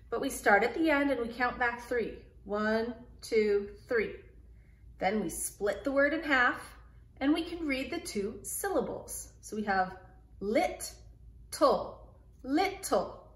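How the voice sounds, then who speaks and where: A woman teaching young children an early reading lesson, sounding out words slowly and clearly in an encouraging way. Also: fairly high pitch, lively intonation, a bit bright, roomy sound.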